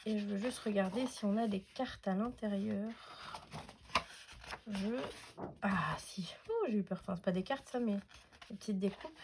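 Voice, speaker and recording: A woman's voice: medium pitch, moderate pace, pauses often, noisy background. A woman hosting a casual scrapbooking tutorial at home, chatty and hesitant, with many fillers.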